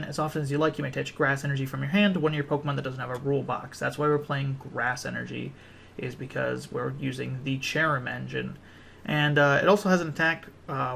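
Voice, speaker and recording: Tired young man with a gravelly voice. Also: medium pitch, fairly bright tone, a little hiss or hum. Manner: rambling, full of ums and restarts. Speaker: card game deck reviewer. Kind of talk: casual deck walkthrough.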